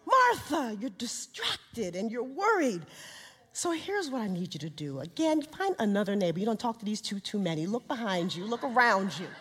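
A woman in her sixties or older preaching a sermon, speaking to a live congregation and swinging from quiet lines to shouted highs. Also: sing-song, brisk, hardly any pauses, breathy edge. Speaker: guest speaker, minister. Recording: reverberant hall.

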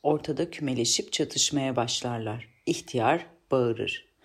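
A woman's voice: rumbling low, a little slow, slightly rough. A woman reading a play script aloud, reading character names and stage directions. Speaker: play reader.

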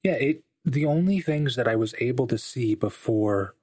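A man playing a serious monster investigator in a tabletop game, speaking formally and deliberately, with pauses. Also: medium pitch, animated, darkish tone, slightly rough, dry recording. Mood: thoughtful, unsure. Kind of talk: in-character tabletop role-play.

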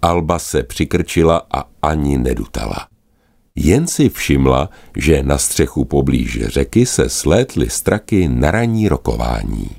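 A man narrating a children's animal story in a gentle, expressive manner. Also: rumbling low, vocal fry.

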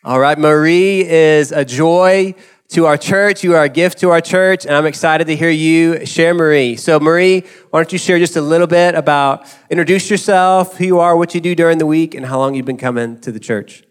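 A man's voice: a little high, normal speed, clean tone. A man leading a church service, addressing the congregation in an informal, conversational and encouraging way. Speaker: church leader hosting the service.

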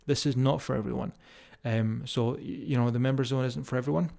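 Scottish man with creaky voice, casual podcast. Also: mid-range voice, fairly even intonation, a little fast, darkish tone. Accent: strong Scottish. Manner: informal, directly addressing listeners. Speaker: fitness coach hosting a podcast. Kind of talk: casual motivational podcast talk.

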